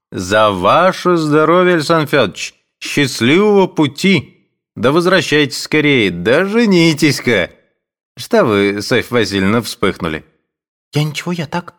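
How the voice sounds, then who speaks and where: A man's voice: on the high side, sing-song, measured pace, fairly bright tone, voice pushed up. A man reading aloud voices a jovial older guest who talks heartily and orders everyone about. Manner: hearty, toasting, bossy.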